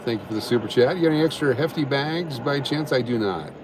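A man's voice: mid-range voice, expressive, fast talker, background noise. Casual man livestreaming from the street. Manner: casual, chatty, reads out viewer comments. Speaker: livestream host. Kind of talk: live street commentary. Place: outdoors on a downtown street.

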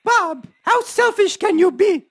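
A woman's voice: extremely high pitch, expressive, measured pace, creaky, no echo, exaggerated voice. A woman voicing a bossy, earnest and indignant cartoon lady bird who likes to scold. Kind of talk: cartoon character acting.

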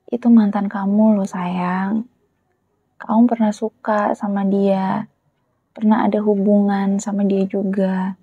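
A young woman speaking softly and often in a whisper, playing a girlfriend in a whispered role-play. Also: medium pitch, level tone, slow pace, long pauses, breathy edge, dry recording, narrow, tinny audio. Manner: soft, close, often whispered speech. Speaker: ASMR creator playing a jealous girlfriend. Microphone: close ASMR microphone.

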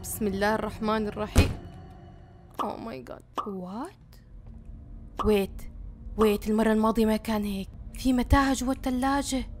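A woman's voice: a little high, steady tone, moderate pace, pauses often, faint music behind. A young woman with a Levantine Arabic accent, playing a horror game as a YouTuber and reacting jumpily, often shrieking and repeating words when scared. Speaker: gaming YouTuber. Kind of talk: let's-play commentary.

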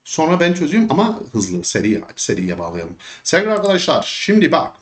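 A man with a Çorum lilt teaching history for an exam, talking in an animated, joking way that leaps up in pitch when he gets worked up. His voice sits a little higher than most men's and swings widely. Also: fairly quick. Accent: Turkish, Çorum dialect slips. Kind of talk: exam prep lesson with casual rants.

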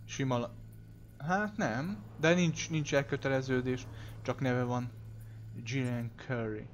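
Chatting casually over his own game run, a man thinks aloud, addresses viewers and curses when he makes mistakes. His medium-pitched voice comes through with the highs cut off and slight background noise.

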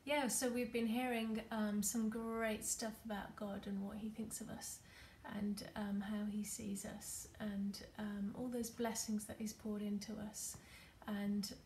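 Woman, meditation leader: soft, unhurried, slightly gravelly voice, level delivery, faint background noise. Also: mid-range voice, little pitch movement. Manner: soft, gentle, many fillers; often drops to a near whisper. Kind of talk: guided craft meditation. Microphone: computer or phone camera.

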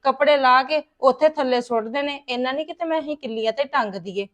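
Through dull audio comes a high female voice that sounds close to everyday speech. In this domestic web drama, she portrays a married daughter quickly and resentfully complaining to her mother about her in-laws.

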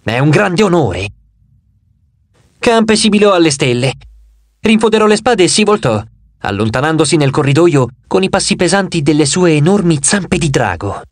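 A man narrating an audiobook with an expressive, animated delivery, his pitch rising and falling freely and sitting a little high. The sound is close and dry, with no room around it. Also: normal speed, dry recording. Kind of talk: scripted narration.

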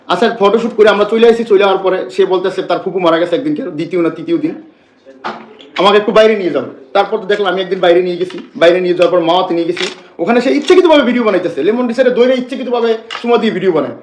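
A man's voice: high voice, racing, darkish tone, echoey room, slight background noise. A man, speaking on a live stream in an agitated, repetitive, rambling way. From Bangladesh. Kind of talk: emotional live-stream complaint.

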